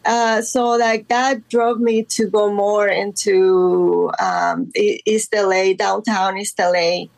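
Woman guest artist from Guatemala, casual and halting, dry recording. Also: medium pitch, steady tone, vocal fry, dry recording. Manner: hesitant, many fillers and restarts. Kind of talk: casual interview talk.

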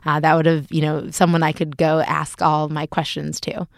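Low-voiced young woman recalling. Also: flat delivery, moderate pace, vocal fry, no room sound. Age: 20s. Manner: reflective, storytelling. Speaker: guest. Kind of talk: casual podcast discussion.

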